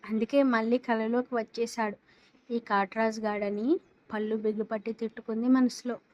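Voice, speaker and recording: A woman narrating a romance story in a steady, dramatic reading style. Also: fairly high pitch, moderate pace, dull audio.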